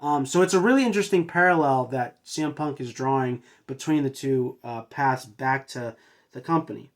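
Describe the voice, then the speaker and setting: A man's voice: mid-range voice, moderate pace. A man hosting a wrestling review, casually recapping in a hesitant way with many uhs and restarts. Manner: hesitant, filler-heavy with frequent uhs and restarts. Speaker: wrestling show reviewer and host.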